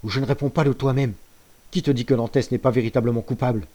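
A man voicing a sly, scheming male ship's accountant who answers in a smooth, guarded, persuasive way in a storybook reading. His voice is lifted a little above his narrating tone. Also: medium pitch, fairly even intonation, fast talker, warm tone, natural voice.

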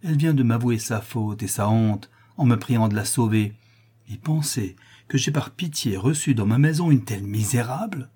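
A man voicing a hypocritical rich notary who shouts outraged accusations in a storybook reading. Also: mid-range voice, expressive, moderate pace, husky. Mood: self-righteous. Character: hypocritical rich male notary, indignant, cruel.

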